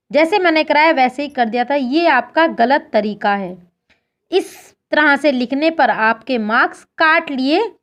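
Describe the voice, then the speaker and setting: A woman teaching a school Sanskrit lesson in speech, slowly reciting word forms and patiently addressing her pupils as children. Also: sits high, lo-fi sound. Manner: slow, deliberate recitation of declensions.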